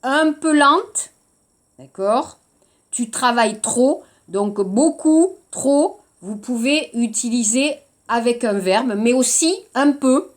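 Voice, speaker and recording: Woman, French teacher, recorded lesson, slow, fairly high voice, repeats points patiently. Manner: slow, deliberate explaining with frequent repetition.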